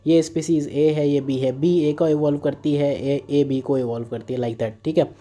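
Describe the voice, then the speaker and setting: A man's voice: a little high, steady tone, moderate pace, warm tone. A young man teaching a casual exam prep lesson, mixing Hindi and English with joking asides. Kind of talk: casual current affairs lesson.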